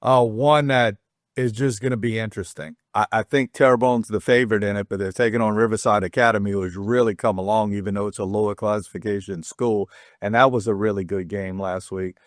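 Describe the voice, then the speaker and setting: A middle-aged man talks high school football in a loose, rambling way, doubling back and joking at his own expense. His voice sits on the lower side. It is recorded dry and close, with no room sound. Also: fairly even intonation, fairly quick, no echo. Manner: rambling, chatty, restarts with self-deprecating jokes. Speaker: sports show host. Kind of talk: casual sports talk.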